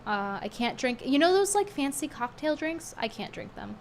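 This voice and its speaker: High-sitting and full of big pitch swings, this woman's voice moves at normal speed despite being strained and hard to produce from a cold. She's a streamer reading tips aloud, chatting bluntly and scornfully in a casual livestream, with a little hiss or hum.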